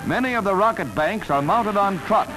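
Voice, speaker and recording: Male narrator for an old newsreel, brisk and emphatic announcer read, raised pitch, music bed. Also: expressive, low-quality recording. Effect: old newsreel soundtrack. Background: loud music score.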